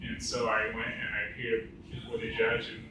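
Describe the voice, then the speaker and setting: A man's voice: on the low side, monotone, moderate pace, far from the mic, noisy background. A man doing stand-up at an open mic, telling a story in a rambling way full of "like"s. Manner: rambling, filler-heavy storytelling with many "like"s. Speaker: stand-up comedian. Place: echoing open mic venue. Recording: very echoey room recorded from afar, faint ambience.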